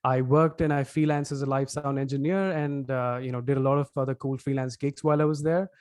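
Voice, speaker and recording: A man from Mumbai with an Indian accent, a podcast producer answering interview questions in a webinar, talking at length with many pauses and restarts. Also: mid-range voice, fairly even intonation, darkish tone, smooth, no room sound, clean studio sound. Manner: thoughtful, elaborate, frequent "uh" and restarts.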